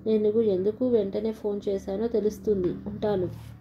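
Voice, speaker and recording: A brisk, matter-of-fact woman doctor, as the woman narrating puts her on. Her tone is dark and mellow. The recording sounds dull and lo-fi. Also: mid-range voice, steady tone, slight background noise, natural voice.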